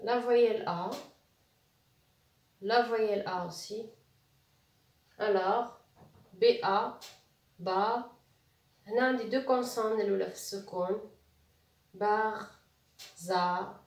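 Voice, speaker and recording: A woman teacher, slowly spelling out letters and syllables in a reading lesson, mixing French with Arabic. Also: medium pitch, a little mellow. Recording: roomy and distant from the mic.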